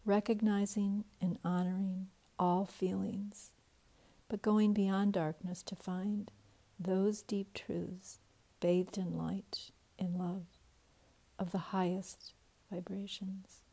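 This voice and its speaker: Slow, whispery woman guiding meditation. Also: medium pitch, level tone. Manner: slow, soft and breathy, often near a whisper. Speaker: meditation guide. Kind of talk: guided meditation.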